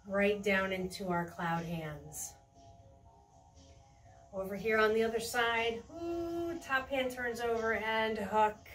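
A woman's voice: mid-range voice, steady tone, a bit bright. A middle-aged woman leading a tai chi lesson with serene, encouraging, step-by-step movement cues. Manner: serene, encouraging, unhurried cueing. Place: small carpeted room indoors. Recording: distant mic in a room, faint music. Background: faint music.

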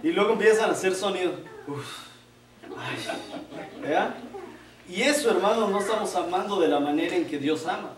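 A man's voice: sits high, fast, a crowd in the background. A man preaching a sermon in a conversational, joking way, often asking his listeners "¿verdad?". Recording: echoey, distant room mic, faint ambience.

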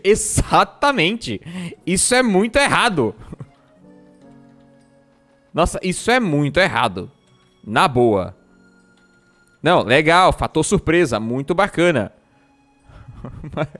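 This young man, speaking Brazilian Portuguese, narrates his gameplay on a live stream, yelping and swearing at jump scares and laughing often. His voice is on the high side and a bit bright.

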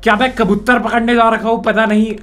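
A man's voice: sits high, a little fast, slight background noise. A man with a sore throat, giving casual, jokey let's-play commentary over a game and teasing the character he controls. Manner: excitable, jokey, mock-insults the character. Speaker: gaming YouTuber.

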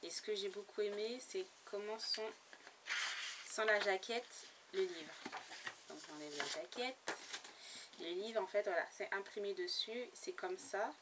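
A woman with a medium-pitched voice speaks at a measured pace with long pauses. In her casual book haul vlog, this book blogger talks about her purchases haltingly, with many fillers and restarts. Faint background noise and a slightly distant mic mark the recording.

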